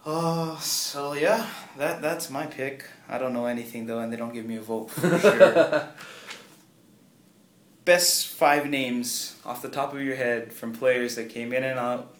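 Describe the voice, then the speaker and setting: A man's voice: medium pitch, a little slow. Easygoing man hosting a sports podcast. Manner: easygoing, laughs at himself. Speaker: podcast host. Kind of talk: casual sports podcast chat. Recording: echoey room with faint ambient noise.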